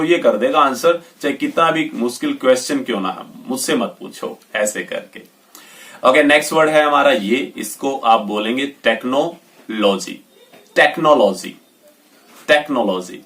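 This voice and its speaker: A man with an Indian accent teaching English pronunciation, slowing down to stress each example sentence. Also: medium pitch, a bit bright, distant mic. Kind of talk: pronunciation lesson.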